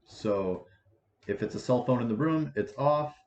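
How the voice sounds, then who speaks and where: A man in his twenties giving a casual math lesson, with a halting delivery full of restarts and fillers. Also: mid-range voice, lively intonation, darkish tone. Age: 20s. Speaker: math teacher. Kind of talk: casual lecture. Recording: echoey room, dull lo-fi sound, faint hiss.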